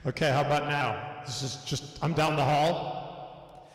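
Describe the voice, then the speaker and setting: A man's voice: fairly even intonation, measured pace. A man checking his mic on a radio show, his voice put through a heavy cave-like canyon echo effect. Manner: casual, trying out settings aloud. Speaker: producer testing a new mixer. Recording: booming long reverb from a voice effect.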